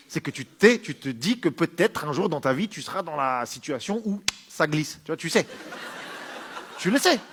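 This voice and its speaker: Animated, bright-voiced male stand-up comedian. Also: fairly high pitch, normal speed, slightly rough. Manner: informal, argumentative, sardonic.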